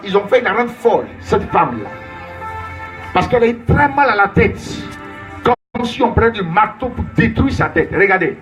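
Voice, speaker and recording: Man, prophet, high-pitched, emphatic call-and-response preaching, soft music behind. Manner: emphatic, repetitive call-and-response, exclaiming Alléluia.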